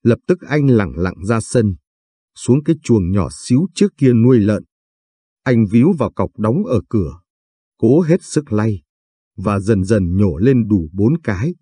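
A man narrating a story in a measured, steady reading voice. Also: lowish voice, breathy edge, dry recording.

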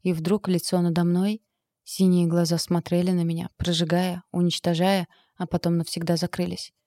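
A woman reads a first-person audiobook in an even, steady way. Her voice is low and warm-toned. The recording is close and dry. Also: moderate pace, dry recording. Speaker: audiobook narrator.

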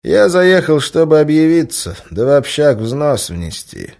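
A man voicing a calm, sarcastic male outlaw who keeps his composure. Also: medium pitch, unhurried, pitched above the performer's own voice. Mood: firm. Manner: unruffled and sarcastic.

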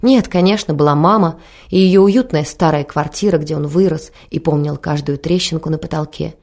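A woman narrating a story in a calm, measured way. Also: low voice. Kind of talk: scripted audiobook narration.

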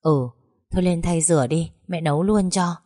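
A woman voicing a gentle grandmother who soothes and coaxes in a spoken story. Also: on the low side, fairly even intonation, moderate pace, no echo, clean studio sound, natural voice. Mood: soothing. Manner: soothing, coaxing murmur.

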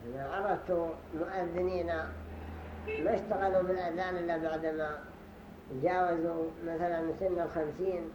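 A man teaching as a sheikh in a study circle. He gives a deliberate religious lesson and repeats phrases to show how they should be pronounced. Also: on the high side, fairly even intonation. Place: study gathering in a mosque hall. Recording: roomy echo with faint hiss.

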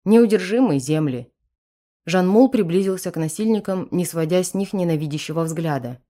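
A woman narrating an audiobook in a steady, dramatic reading voice. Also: fairly low pitch, a little fast.

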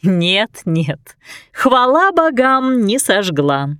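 A fussy, loving old fairy nanny from a storybook, gently scolding and soothing, as a woman reads her lines. Her pitch rises and falls freely, close and dry. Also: big pitch swings, very slow, clear, resonant tone, no room sound, full character voice. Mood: fussing.

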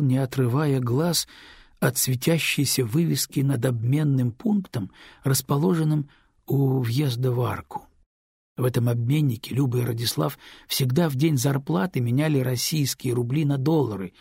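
A male audiobook narrator with a deeply husky, gravelly voice full of vocal fry, reading in a steady, unhurried way. He sits at a middle pitch for a man, recorded close and dry. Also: dry recording. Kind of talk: scripted narration.

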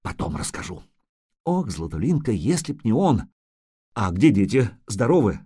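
A man voicing a hearty middle-aged merchant who talks in booming exclamations. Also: sing-song, moderate pace, warm tone, husky.

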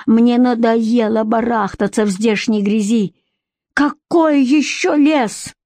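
Woman voicing a jealous husband, mocking, contemptuous, slow, dry close sound. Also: high-pitched, lively intonation, a little mellow, no echo. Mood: angry. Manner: mocking, contemptuous, bursts of anger. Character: jealous scornful husband, adult man.

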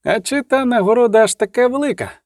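Man reading a nagging storybook soldier, higher voice, prying questions. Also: fast talker, a little mellow, no echo, clean studio sound. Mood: needling. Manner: persistent, needling questions. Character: pushy, questioning Italian male mercenary.

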